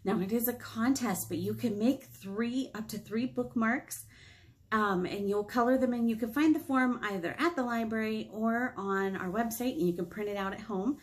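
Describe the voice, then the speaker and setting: An American woman in her thirties, a children's librarian, hosts storytime in a small indoor room with a painted wall. She chats in simple phrases and asks the young listeners questions, her voice on the high side at a normal speed.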